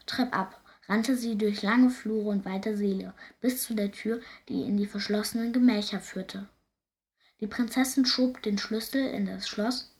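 A woman reading a fairy tale aloud, gentle and often hushed. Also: medium pitch. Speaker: storyteller.

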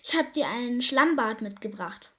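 A cheerful storybook rhinoceros puffs through his words in a jolly, easy manner, voiced by a woman reading the tale. He sounds relaxed and good-natured. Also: a little high, normal speed. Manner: puffing and jolly. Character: cheerful, snorting male rhinoceros.

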